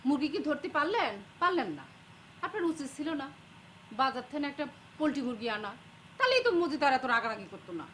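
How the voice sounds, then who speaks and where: A woman's voice: high voice, very animated, fast talker, fairly bright tone, slight background noise, rough recording. An actress playing a middle-aged mother-in-law in a comic TV drama, needling and scolding her husband. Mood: reproachful.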